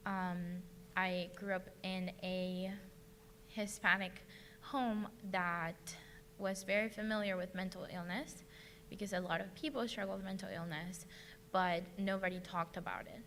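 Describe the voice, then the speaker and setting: A woman tells her story on a panel, soft and reflective, pausing now and then. Her voice carries a long reverb from the hall, with a faint hum underneath. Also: on the low side, fairly even intonation. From Venezuela. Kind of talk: personal testimony on a panel.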